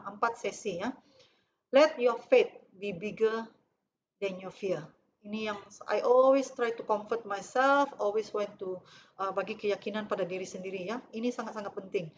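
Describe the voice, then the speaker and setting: A woman's voice: on the high side, dull audio, slight background noise. A middle-aged woman with a Malaysian accent gives a chatty, conversational personal testimonial as a cancer survivor, with frequent fillers. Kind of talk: personal testimonial talk over photos.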